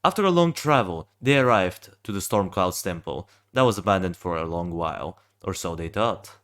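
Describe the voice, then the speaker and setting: Young man, very deep voice, freshly woken, halting read-aloud, frequent restarts. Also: animated, fairly bright tone. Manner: stumbling, restarting often, mumbled asides. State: just woken up. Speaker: game fan reviewing a hero design. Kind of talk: reading a fan-made backstory aloud.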